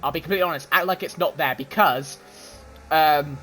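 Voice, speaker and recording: Excitable man commentating a race. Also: fairly high pitch, fairly quick, soft background music. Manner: excitable, swears when shouting, chats with viewers. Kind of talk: live sim-racing commentary.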